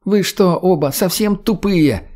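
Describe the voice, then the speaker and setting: A male narrator puts on a defiant young redheaded woman in this audiobook, her voice pushed high above his own. She talks in a mocking, sharp-tongued way, and the tone stays mellow and soft-edged. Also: brisk, lightly acted. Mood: indignant. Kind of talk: audiobook character voice.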